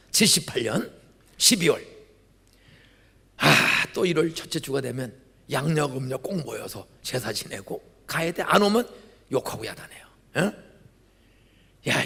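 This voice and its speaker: An older man, a pastor, giving a dramatic sermon full of storytelling, acted-out dialogue and sudden loud outbursts. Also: mid-range voice, vocal fry, slightly rough. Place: large church sanctuary. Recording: church hall reverb.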